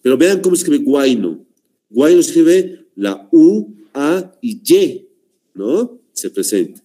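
A man's voice: fairly high pitch, very animated, slow, warm tone. A man teaching a language class, stressing and repeating his points while addressing the students as "señores.". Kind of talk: online class lecture.

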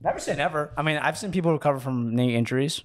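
Quick, higher-voiced young man. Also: slight background noise. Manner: animated, hypes up stories. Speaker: podcast co-host. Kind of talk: casual chat.

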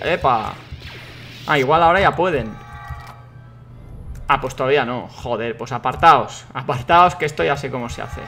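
A young man commentates a video game, excitable and quick to swear and shout at what happens on screen. His voice sits a little high for a man. Faint game music plays underneath. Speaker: gaming YouTuber. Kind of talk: let's play commentary.

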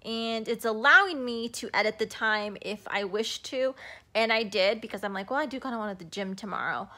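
A woman's voice: a little high, fairly quick, bright, forceful tone. A woman in her thirties vlogging casually into a phone camera at arm's length, chatty and upbeat with plenty of ums, first at home and then in her car. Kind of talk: casual vlog walkthrough.

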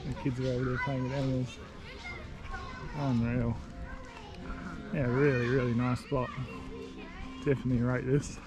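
A man's voice: medium pitch, moderate pace, pauses often, over music. A man in his thirties with an Australian accent, chatting casually to an action camera held at arm's length as he vlogs outdoors on an open beach. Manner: relaxed, easygoing, enthusiastic. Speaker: travel vlogger. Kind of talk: casual vlog narration. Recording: wind and surf noise outdoors. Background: crashing waves.

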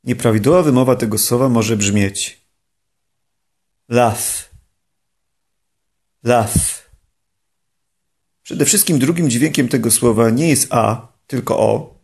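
Male language teacher, scripted, measured delivery, some fry and a raspy edge. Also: medium pitch, animated, a little mellow. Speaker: English pronunciation teacher. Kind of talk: scripted instructional narration.

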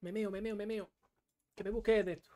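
A man's voice: high voice, little pitch movement, fairly quick, warm tone. Male streamer, frustrated self-scolding gameplay commentary, heavy swearing. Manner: swears often and scolds himself, in bursts of frustration.

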